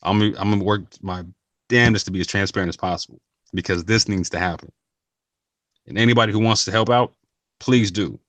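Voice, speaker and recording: A man's voice: lowish voice, fairly even intonation, brisk, long pauses, a bit bright, dry recording. A man talking casually and earnestly to his viewers, using slang and often repeating and restarting his phrases. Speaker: channel host. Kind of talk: casual talk to camera.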